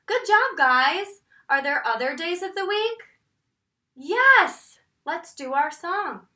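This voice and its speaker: American lady teacher doing singsong circle time for little kids, high bright voice, echoey room. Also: lively intonation. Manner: singsong, encouraging, drawn-out emphasis for small children. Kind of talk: children's lesson with call-and-response. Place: indoor room at home, in front of wall board. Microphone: camera a couple of metres away. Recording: roomy echo, distant microphone.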